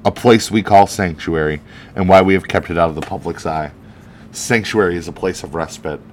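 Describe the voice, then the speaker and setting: A man reading out the earnest, measured public speech of a heroic male alien superhero. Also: low voice, slight background noise, natural voice. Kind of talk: reading a comic speech aloud.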